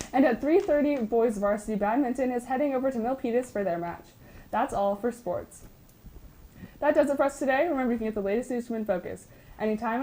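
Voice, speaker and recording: A woman's voice: a little high, dark tone, rough recording. A teenage young woman anchoring scripted school news announcements. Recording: faint background noise.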